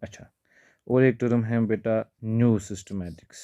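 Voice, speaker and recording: A male biology teacher explains exam points in a steady lecture, calling his students "beta" and mixing in English terms. His voice sits fairly low and barely rises or falls. The sound is dry and close, with no room echo. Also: moderate pace.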